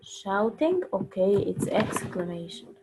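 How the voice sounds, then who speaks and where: A woman teaching punctuation in a recorded lesson, explaining each step slowly and carefully. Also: medium pitch, big pitch swings, heavy background noise. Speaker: English teacher.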